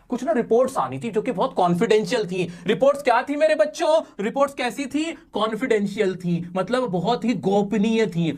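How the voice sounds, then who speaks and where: Male teacher, exam-prep lecture, playful self-quizzing delivery. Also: high-pitched. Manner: quizzes and answers himself, playful and dramatic.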